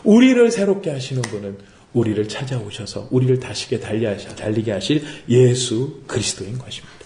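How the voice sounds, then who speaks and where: A man's voice: medium pitch, animated, fairly quick, mellow, echoey room, slight background noise. A man preaching a sermon as pastor, asking rhetorical questions and acting out quotes. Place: worship service room.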